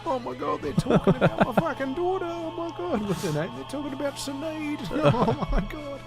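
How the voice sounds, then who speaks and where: A man's voice: very high-pitched, flat delivery, brisk, over loud music, voice pushed up. A man with an Australian accent voicing a grieving father who panics in his car, in frantic mock distress. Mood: panicked.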